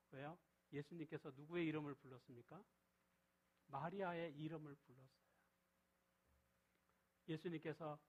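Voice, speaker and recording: A middle-aged man preaches as pastor, shifting from loud, emphatic phrases to quiet, low readings of scripture, and often answering his own questions to the congregation. The recording is rough.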